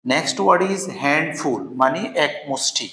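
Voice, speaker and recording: A man teaching English grammar in Bengali, reading the English example sentences slowly and asking questions that he answers himself. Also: fairly high pitch, bright, forceful tone. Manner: asks rhetorical questions, then answers them. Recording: echoey room.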